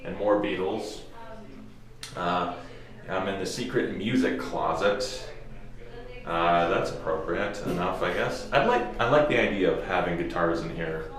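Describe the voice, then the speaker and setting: Low-voiced and a bit bright, this man talks unhurriedly to the camera in his hand while vlogging as an actor on a film set, joking, cursing and wandering off topic. The echoey closet and hotel rooms he's in are filled with the noise of a busy crowd.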